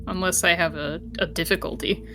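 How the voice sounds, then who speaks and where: A woman with a fairly low, slightly bright voice plays a tabletop role-playing game, slipping in and out of character with wry, wordy chatter. Her pace is brisk and her intonation fairly even, and clear background music plays behind her.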